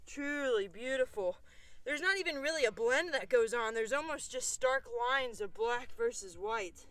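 Bright-voiced enthusiastic American shearer. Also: mid-range voice, lively intonation, normal speed, no echo. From United States. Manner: enthusiastic, admiring, talks while handling fleece. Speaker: sheep shearer. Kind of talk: casual vlog commentary.

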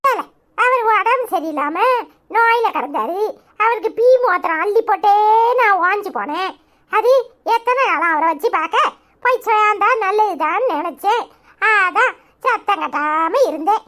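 A woman voicing a grieving, defensive old village grandmother with a Tirunelveli Tamil accent, speaking low and weary in a cartoon. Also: lively intonation, normal speed, sharp tone, full character voice. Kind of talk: cartoon voice acting.

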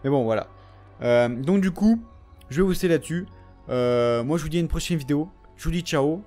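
A man's voice: on the high side, fairly quick, dark tone, faint music behind. A young man giving casual gameplay commentary, rambling with lots of fillers and frequent swearing. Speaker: gamer.

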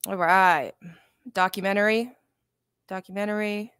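Smooth-voiced woman hosting a livestream. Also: medium pitch, fairly even intonation, a little slow, fairly bright tone, no echo, studio quality. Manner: chatty, laid-back, talks to her chat. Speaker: commentary channel host. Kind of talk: casual live-stream commentary.

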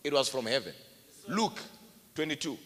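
A man's voice: medium pitch, lively intonation, moderate pace, a bit bright. A man preaching a sermon to a congregation, emphatic and calling for their responses. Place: church hall. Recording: reverberant hall.

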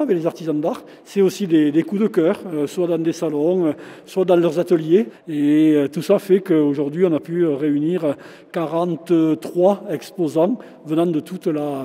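A hesitant older man from France, a shop owner and local historian, gives a casual interview indoors in a large former chapel, full of fillers and restarts. His fairly high voice is mellow and steady at a moderate pace. He speaks through a face mask into a handheld interviewer mic, and the stone chapel adds long reverb.

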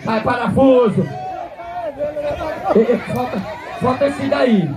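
High-pitched shouting rodeo announcer, loud crowd. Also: male voice, takes it slowly. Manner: shouting, joking, egging on the crowd. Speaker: event announcer. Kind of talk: live bullfight-style rodeo commentary. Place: outdoor rodeo arena. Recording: loud crowd and music outdoors.

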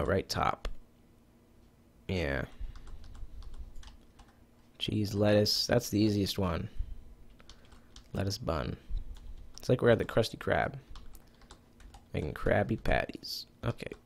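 A man's voice: fairly low pitch, creaky, darkish tone, low-quality recording. Chatty man narrating his gameplay. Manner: chatty, self-talking while playing, swears casually. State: slightly out of breath. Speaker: gaming YouTuber. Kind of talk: casual let's-play commentary.

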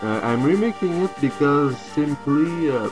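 Over video game music, a let's play host gives casual commentary that comes out hesitant and halting. He's a native French speaker with a French accent, and his fairly high voice has lively intonation.

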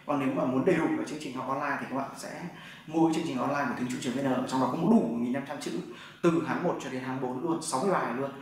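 A man's voice: medium pitch, fast, few pauses. A man teaching in a classroom. He explains step by step and keeps asking whether the class follows. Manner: explains step by step, often asks "right?" to check. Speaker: Chinese language teacher. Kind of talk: classroom lesson. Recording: echoey room from far off, faint noise.

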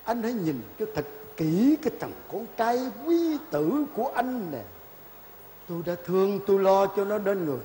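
An actor playing a proud, hospitable older patriarch in a stage play, speaking in a booming, declamatory way. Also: male voice, very animated, normal speed, dark tone, a little hiss or hum. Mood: anguished. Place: theater stage. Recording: stage with long reverb and music.

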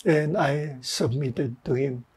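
An older man giving an earnest sermon, halting now and then with fillers. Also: mid-range voice, a little mellow, breathy edge. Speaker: lay preacher.

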